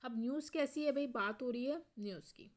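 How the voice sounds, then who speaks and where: Woman teaching a grammar lesson. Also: high voice. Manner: explains step by step, often checks in with "theek hai"; reads example sentences slowly and clearly.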